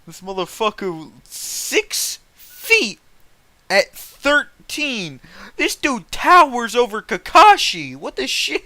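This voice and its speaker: A man hosts a casual read-aloud of fan fiction, mocking it with foul-mouthed, incredulous commentary and often breaking off to react. His voice is very high with huge pitch swings, slow, pushed and bright. There is no room sound.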